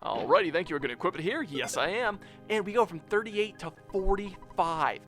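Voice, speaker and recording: A man's voice: sits high, lively intonation, fairly quick, fairly bright tone, soft background music. A man giving casual, rambling let's play commentary on a video game, chatting to his viewers. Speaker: gameplay video host.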